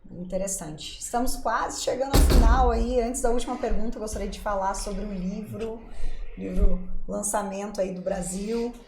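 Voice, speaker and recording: A woman's voice: mid-range voice, fairly even intonation, moderate pace, very noisy. Woman podcast host in an echoey room. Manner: friendly, leading questions. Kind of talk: podcast interview.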